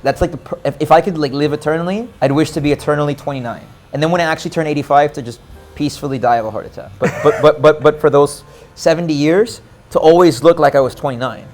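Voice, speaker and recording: A man's voice: a little high, quick pace, darkish tone, faint music behind. A man in his twenties chatting casually and rambling with self-assurance, filling gaps with fillers as he talks. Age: 20s. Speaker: interviewee. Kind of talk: casual chat.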